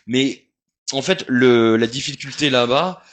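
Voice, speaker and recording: A man's voice: medium pitch, unhurried. A man in his thirties, a stage performer, telling stories in a casual interview, chatty and rambling with frequent hesitations.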